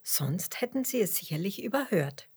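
A woman reading a children's story in a soft, gentle, half-whispered way. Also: medium pitch, sing-song, normal speed, breathy edge. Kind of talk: children's bedtime story narration.

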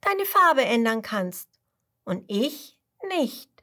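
A woman voicing a curious, excited little tiger cub with high, eager, drawn-out exclamations. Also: heavily acted.

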